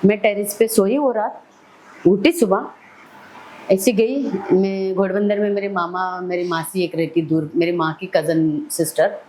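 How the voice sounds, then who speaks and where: A woman's voice: mid-range voice, unhurried, darkish tone, a little hiss or hum, rough recording. A middle-aged woman, a podcast guest telling her life story vividly. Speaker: celebrity hair stylist, podcast guest. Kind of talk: personal storytelling in an interview.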